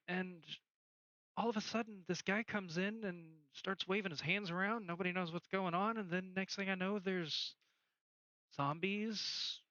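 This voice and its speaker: A man's voice: high-pitched, a bit bright, no echo, muffled recording, pitched above the performer's own voice. A man voicing a small lost ghost girl trapped in a book, talking hesitantly and stammering as she pleads for help.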